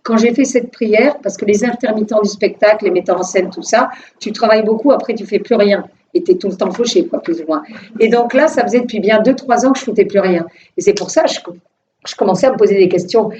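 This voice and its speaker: A woman filmmaker giving a lively personal testimony to an audience, laughing often and restarting her phrases. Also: mid-range voice, fairly quick. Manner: animated, laughing, with frequent restarts. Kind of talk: lively storytelling talk to an audience. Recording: distant, dull, slightly noisy room recording.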